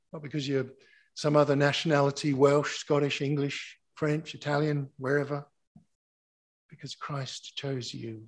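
A man's voice: medium pitch, gravelly, husky. A man preaching a sermon to his church, emphatic and repeating key phrases for weight.

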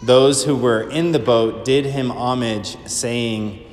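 A priest reading the gospel aloud in a slow, measured liturgical manner, his voice ringing with cathedral echo. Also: mid-range voice, steady tone, faint music behind. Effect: cathedral echo, long church reverb. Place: large church. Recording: echoey church hall, long reverb.

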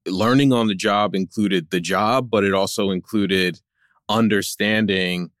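Deep-voiced man hosting a podcast. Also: fairly even intonation, a little slow, fairly bright tone, no echo, clean studio sound. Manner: affirming, frequent "mm-hmm" and "right". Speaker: podcast host. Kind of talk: podcast interview.

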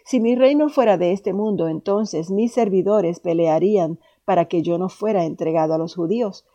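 A woman reading a calm solemn prophet. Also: on the low side, normal speed, lo-fi sound, close to an everyday voice.

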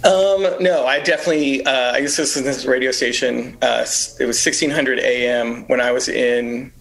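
A man's voice: medium pitch, fairly even intonation, normal speed, gravelly, fairly bright tone, low-quality recording. Reflective fifty-year-old man, rambling. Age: 50s. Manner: reflective, rambling with many fillers. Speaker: guest musician. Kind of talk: casual podcast conversation.

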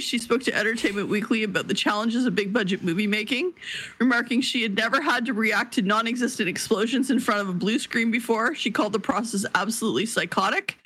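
Bright, excitable woman podcast co-host. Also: fairly high pitch, fairly quick, rough recording. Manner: laughing, excitable, trails off into restarts. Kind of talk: casual chat, reading news aloud.

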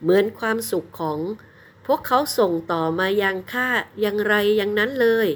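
A woman's voice: medium pitch, moderate pace, voice pushed up, close to an everyday voice. A woman voicing a cheerful, generous wealthy man in a folk tale, speaking heartily. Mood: hearty.

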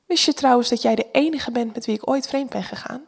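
A woman voicing a laid-back, smooth-talking man with a casual, teasing manner. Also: on the high side, brisk, pitched above the performer's own voice.

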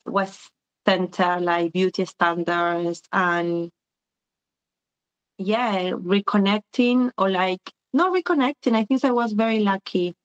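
Low and smooth, this woman's voice belongs to a community organizer from Argentina being interviewed conversationally. She muses her way through answers, pausing on lots of "eh" sounds, captured on muffled, low-fidelity audio.

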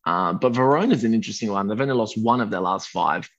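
A man co-hosting a casual football podcast, easygoing and quick to laugh along. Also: fairly low pitch, lively intonation. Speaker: podcast co-host. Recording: dull lo-fi audio.

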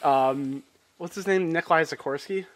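A man's voice: fairly high pitch, normal speed, a bit bright. A man with an ordinary mid-range voice chats on a podcast, gushing eagerly and dropping "like" into nearly every phrase. He sounds enthusiastic and casual. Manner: enthusiastic, filler-heavy with lots of "like". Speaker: podcast co-host. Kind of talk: casual chat.

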